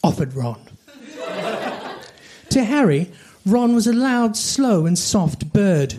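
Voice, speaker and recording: With faint clicks and background noise behind him, a man dramatically reads comic fan fiction aloud in storybook fashion. His high-pitched voice is very animated, and he takes it slowly.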